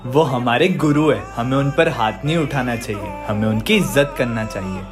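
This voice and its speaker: A man's voice: mid-range voice, unhurried, close to an everyday voice. A man playing a sober, respectful pupil who earnestly admonishes others in a school drama skit. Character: respectful, sober pupil standing up for his teacher. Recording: music over the voice.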